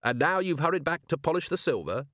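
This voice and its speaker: A weary, blunt watch commander speaks with dry, tired bluntness, as a male narrator voices him. The tone stays close to the reader's own with lively pitch movement. The recording is close and dry. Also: fast, dry recording.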